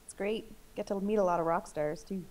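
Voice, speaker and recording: A woman's voice: medium pitch, fairly quick, darkish tone, distant mic. A woman hosting a casual podcast chat among friends, chatty and trailing off with fillers. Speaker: podcast host.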